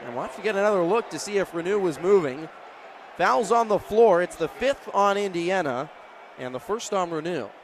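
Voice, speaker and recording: At a moderate pace and with an animated, high-pitched voice, an American play-by-play announcer describes live basketball for radio in short, descriptive bursts. The setting is courtside in a big indoor arena, with crowd sound, faint arena noise, and a ball bouncing in the background.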